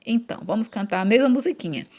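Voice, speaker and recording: A woman's voice: a little high, lively intonation, fast, darkish tone. A woman with a Brazilian Portuguese accent teaching a grammar lesson for children, speaking patiently and stretching out syllables when she chants example words.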